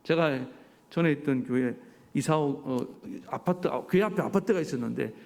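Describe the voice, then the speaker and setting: A male pastor delivering a sermon, animated and full of rhetorical questions to his congregation. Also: a little high, moderate pace, vocal fry. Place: church sanctuary. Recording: church hall reverb.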